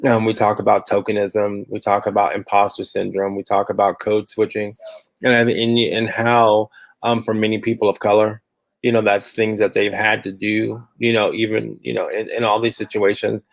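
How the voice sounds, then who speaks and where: A diversity and inclusion professional from Phoenix, Arizona speaks as a panelist in a video-call discussion, conversational and full of fillers and restarts. His voice is fairly low with vocal fry, little pitch movement, and a moderate pace. The recording is rough but has no echo.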